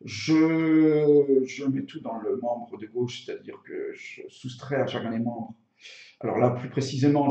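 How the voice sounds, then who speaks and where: A man's voice: medium pitch, warm tone. A man teaching maths step by step in a hesitant way, thinking aloud and correcting himself as he goes. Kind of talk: spoken maths tutorial, explaining step by step. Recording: echoey room, slightly dull sound.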